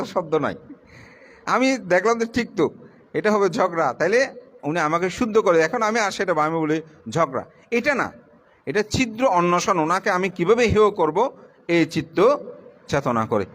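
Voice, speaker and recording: Man preaching, voice dropping low on each point. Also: fairly bright tone. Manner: plain conversational preaching, pitch drops at the end of points. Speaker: Buddhist monk. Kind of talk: sermon to lay followers.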